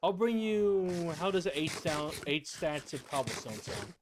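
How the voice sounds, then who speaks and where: A man's voice: on the high side, sing-song, measured pace, noisy background. A man streaming a game, chatting casually and teasing himself with playful banter. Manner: playful, self-mocking banter. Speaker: streamer and gameplay host. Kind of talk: casual gameplay chat.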